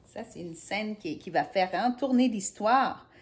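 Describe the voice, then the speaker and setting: A woman reading a picture book to children, playful and animated, adding sound effects and asides. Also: medium pitch, a little slow. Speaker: children's storyteller.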